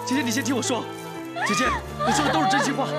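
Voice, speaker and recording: Brief: gentle, loyal young man, lively pitch, soft coaxing delivery, loud score underneath. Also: moderate pace, over loud music. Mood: pleading. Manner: soft, coaxing, earnest pleading. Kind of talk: TV drama dialogue. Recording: loud film score behind dialogue.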